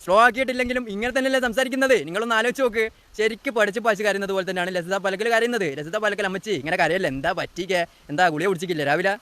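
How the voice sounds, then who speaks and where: A man's voice: sits high, sharp tone, dry recording. A man hosting a reaction video, delivering mocking political commentary in a sarcastic, teasing rant. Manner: sarcastic, teasing, rapid-fire ranting.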